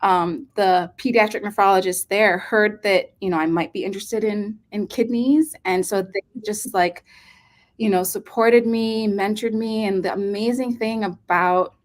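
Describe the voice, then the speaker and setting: Woman in her 30s, mid pitched, earnest, lots of ums, easygoing interview chat. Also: fairly even intonation. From Hawaii. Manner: earnest, unhurried, many um fillers. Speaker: pediatric nephrologist guest. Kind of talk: casual interview talk.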